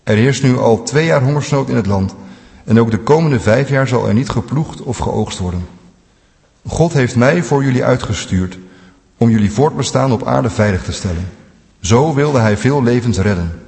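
A man's voice: medium pitch, lively intonation, moderate pace, gravelly, darkish tone. Male reader doing a moved, urgent ruler; slightly raised voice, long hall reverb. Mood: heartfelt. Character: emotional male ruler revealing himself to brothers.

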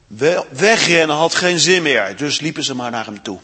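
A man reading a story aloud to children in church, expressive and slowing down for dramatic pauses. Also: fairly high pitch, slightly rough, big-room sound.

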